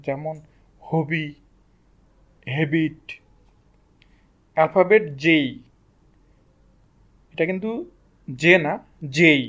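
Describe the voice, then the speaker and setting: A man's voice: fairly high pitch, lo-fi sound. A man teaching English pronunciation to students, asking questions and answering them himself. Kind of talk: explaining lesson to students.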